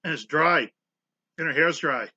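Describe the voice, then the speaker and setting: A man's voice: a little high, moderate pace, bright, forceful tone, dry recording. A man co-hosting a movie review, throwing in teasing jokes and quips. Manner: wisecracking, with teasing interjections. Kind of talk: casual chat. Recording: dull lo-fi sound.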